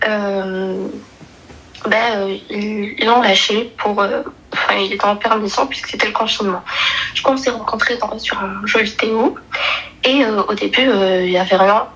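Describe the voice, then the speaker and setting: Over a rough recording with slight background noise, a twenty-something woman seeking advice hesitantly recounts a personal story, groping for the right words as she chats casually. Her voice is medium in pitch and a bit bright.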